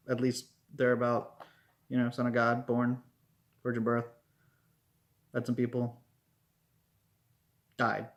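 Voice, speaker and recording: A man giving a casual spoken review, rambling with many "like"s and "um"s and restarting his sentences. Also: mid-range voice. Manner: rambling, lots of fillers and restarts.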